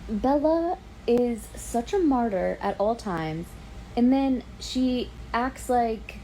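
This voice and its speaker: A woman in her thirties talking casually at home about a book she is reading. She sounds exasperated and animated, says "like" constantly and swears freely. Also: on the high side, takes it slowly, a little hiss or hum, rough recording. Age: 30s. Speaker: book vlogger. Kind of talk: casual ranting vlog.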